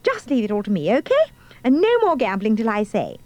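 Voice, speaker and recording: A woman puts on a young fairy-tale heroine for a comic storybook. The voice is high and girlish, with animated intonation. She sounds plucky and a little cheeky. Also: brisk, dry recording. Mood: confident, bossy.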